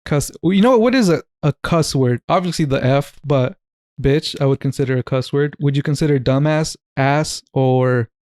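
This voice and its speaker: Recorded in a clean studio with no room sound, this podcast co-host has a mid-range, darkish voice and a moderate pace. He keeps the casual chat light, joking, laughing a lot and cursing freely.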